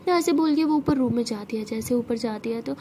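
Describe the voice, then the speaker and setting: A woman narrates a love story in a chatty, relaxed way. Her voice is high and mellow. A faint background hiss runs through the recording. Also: fairly quick.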